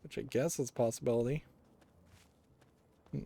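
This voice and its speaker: A man's voice: medium pitch, steady tone, normal speed, creaky, warm tone, a little hiss or hum. A man giving casual, analytical video game commentary, musing aloud as he plays. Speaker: host of a video game playthrough. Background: game music.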